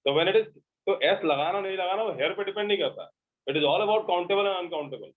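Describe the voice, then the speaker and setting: A man's voice: high voice, moderate pace. A man teaching an English grammar class with an Indian English accent, explaining by repeating points and checking that students understand. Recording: tinny phone-like recording.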